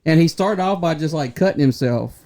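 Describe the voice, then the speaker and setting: A man's voice: fairly high pitch, animated, fairly quick, a little mellow, slight background noise. A man, co-hosting a podcast and rambling through crude stories in casual group chat. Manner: rambling storyteller, laughs through his own tales. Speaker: podcast co-host. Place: small podcast studio with several people.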